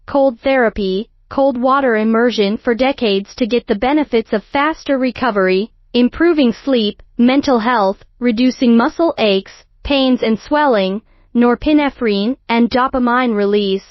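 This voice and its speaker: Higher-voiced woman reading promo, dull sound. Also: dry recording. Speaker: manufacturer's promotional narrator. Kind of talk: scripted promotional narration.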